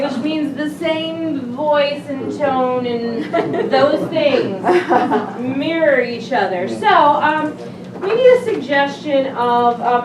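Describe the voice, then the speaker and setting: A woman hosting a live improv show, chatty and laughing as she coaxes suggestions from the audience. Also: high-pitched. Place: small theater stage. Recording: far, echoey room with crowd noise.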